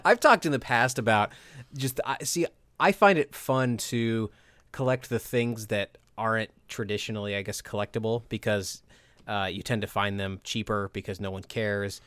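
A man co-hosting a podcast in relaxed, chatty talk with many fillers. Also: on the low side, normal speed, no echo. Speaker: co-host. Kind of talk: casual podcast chat.

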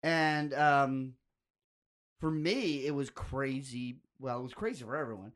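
A man's voice: medium pitch, fairly bright tone. A man hosting a podcast, chatting casually and riffing with jokes. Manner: joking, quick to riff and exaggerate. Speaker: podcast host. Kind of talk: casual conversation.

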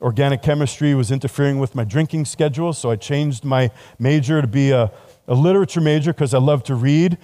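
A man's voice: mid-range voice, brisk, dark tone. A middle-aged man preaching a casual, conversational sermon to students, laughing at himself often.

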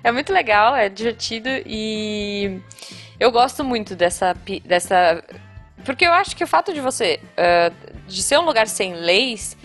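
A woman's voice: medium pitch, lively intonation, measured pace, faint music behind. A young adult woman with a Brazilian accent, chatting casually and enthusiastically as a podcast co-host, full of slang and fillers. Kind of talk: casual chat.

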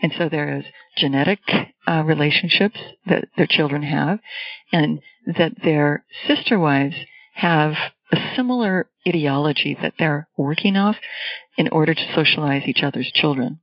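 A woman academic answering interview questions over a low quality stream, thoughtful and pausing often. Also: no echo. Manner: thoughtful, hesitant with pauses. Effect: low quality stream audio. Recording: muffled lo-fi call audio.

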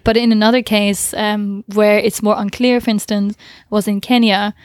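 A woman's voice: mid-range voice, level tone, moderate pace, a little mellow, no echo, studio quality. A woman guest in a conversational interview, speaking thoughtfully and hesitantly with frequent fillers and laughs. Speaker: interview guest, long-distance cyclist.

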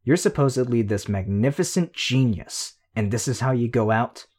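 A fierce, sharp-tongued young woman hurls taunts and pushes hard with rising heat, as a male narrator puts her on. The voice sits a little higher than his usual and swings up when she presses her point. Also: animated, normal speed, close to an everyday voice. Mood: low, needling. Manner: heated, needling, rising to near shouts.

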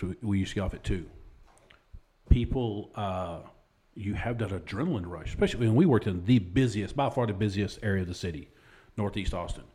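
A man's voice: fairly low pitch, darkish tone. A man who is a police officer, talking as a podcast guest and earnestly explaining things in casual talk.

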